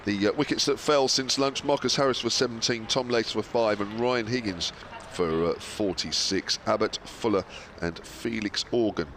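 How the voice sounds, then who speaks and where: Man, very low voice, live cricket commentary, relaxed and hesitant, faint background noise. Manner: relaxed, fills gaps with drawn-out hesitations while reading scores.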